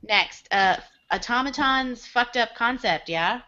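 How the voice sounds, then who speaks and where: A woman's voice: on the high side, takes it slowly, sharp tone, highs cut off, a little hiss or hum. A woman co-hosting a casual book club podcast, blunt and opinionated, swearing casually. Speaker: podcast co-host leading the book discussion.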